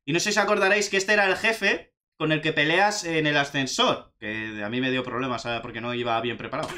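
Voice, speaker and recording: A young man with a Spanish accent from Spain, chatting excitedly as he reacts to a video game trailer. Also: fairly high pitch, a little fast. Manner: excitable, chatty, says "tío" often. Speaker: gaming youtuber reacting to a trailer.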